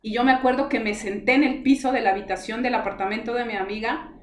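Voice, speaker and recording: Woman, fairly high voice, heartfelt storytelling, acts out dialogue, echoey room. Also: fairly even intonation, fast talker. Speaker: spiritual guide telling her story. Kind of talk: personal testimony in conversation. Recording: roomy echoey sound.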